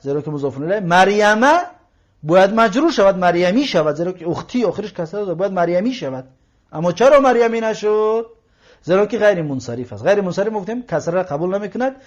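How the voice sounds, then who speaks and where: A man with a somewhat high voice gives a patient grammar lesson. He walks through a text word by word, translating, parsing and repeating phrases. The recording sounds dull and lo-fi. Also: darkish tone. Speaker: Arabic teacher. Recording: lo-fi muffled recording.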